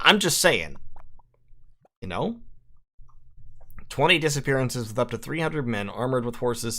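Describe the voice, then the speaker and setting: A man's voice: medium pitch, bright, forceful tone. Man swearing through a game playthrough. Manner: reacts with swearing and disbelief; reads game event text aloud. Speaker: let's play gamer. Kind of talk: casual gameplay commentary. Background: game music.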